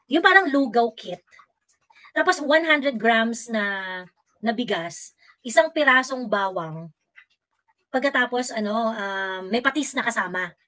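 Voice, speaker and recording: A woman with a slightly high voice rants through a political commentary vlog. She sounds fiery and sarcastic, drifts into English now and then, and mocks her opponents with exaggerated voices. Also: lively intonation, takes it slowly, long pauses, bright, forceful tone.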